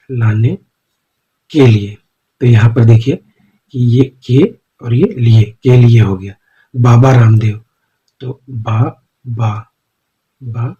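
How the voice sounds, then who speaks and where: A man teaching a stenography lesson, speaking slowly as he dictates and explains, often repeating single words. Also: mid-range voice, dark tone, slightly rough, lo-fi sound. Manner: slow, repeats words, says "ठीक है" often.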